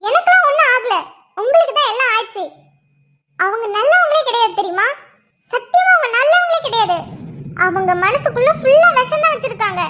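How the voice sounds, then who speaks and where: Give me a woman playing a furious young cartoon wife with a very high voice, scornful and accusing. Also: big pitch swings, fairly quick, sharp tone, a little hiss or hum, exaggerated voice. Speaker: cartoon character voice. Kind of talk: cartoon drama dialogue.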